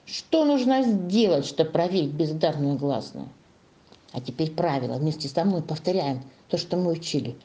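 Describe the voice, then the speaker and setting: A woman leads a young class through a lesson, her pitch swinging up and down as she coaxes answers from the pupils. Her voice is mellow and soft-edged, and she stretches out key words slowly while dictating. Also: expressive. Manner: slow, drawn-out dictation to young children; coaxing, sing-song questioning. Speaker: primary school teacher.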